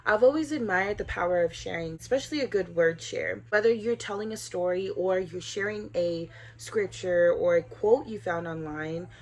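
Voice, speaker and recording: A woman's voice: fairly low pitch, normal speed, few pauses. A woman in her twenties from Southern California, introducing herself in an earnest, upbeat scripted vlog. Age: 20s. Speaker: vlogger.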